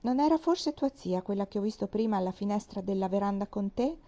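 A woman voicing a gentle, serious male doctor in a storybook reading, speaking kindly and with hesitation. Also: mid-range voice, expressive, a little fast, lightly acted. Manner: kind, hesitant.

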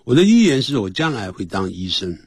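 A man teaching English on a radio lesson, explaining phrases in Chinese and reading English words slowly. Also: medium pitch, sing-song, husky, no room sound, studio quality. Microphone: studio mic.

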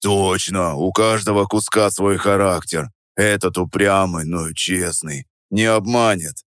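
A man voicing a terse blacksmith who speaks slowly in short, clipped phrases. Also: sits low, a bit bright, dry recording, studio quality. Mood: measured. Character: gruff older male blacksmith, terse and approving.

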